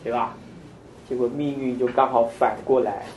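A man's voice: mid-range voice, fairly even intonation, normal speed, darkish tone, slight background noise. An older man teaching a conversational Bible study, asking his listeners many questions. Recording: echoey room, mic at a distance.

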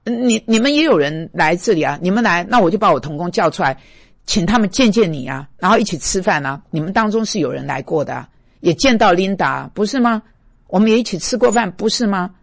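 Husky-voiced pastor man preaching, rhetorical. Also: high-pitched, dry recording, clean studio sound. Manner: animated, fires rhetorical questions at listeners; mixes English words into Mandarin. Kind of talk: sermon.

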